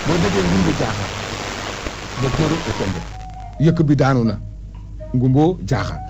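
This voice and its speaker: Speaking in a mid-range voice with wide pitch swings, vocal fry, and an unhurried pace, a man emphatically recites history and names as an oral historian would in conversation. Music sits behind this muffled, lo-fi recording.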